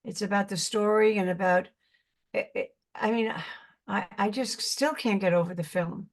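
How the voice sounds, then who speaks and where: An older actress from Brooklyn, New York, talks as a guest in a casual interview chat. Her mid-pitched voice is earnest and halting, and she repeats words while searching for the right ones.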